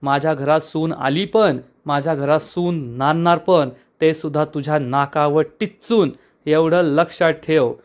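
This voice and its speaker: A man's voice: fairly high pitch, steady tone, a little slow, lightly acted. A man voicing a jolly, boastful old head of the family who gloats and teases the people around him. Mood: gloating. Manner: gloating, teasing.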